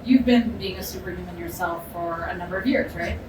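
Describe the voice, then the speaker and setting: A woman's voice: on the low side, a little fast. A woman hosting a live demo in a casual, chatty and upbeat presenting style. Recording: echoey, distant mic, noisy background.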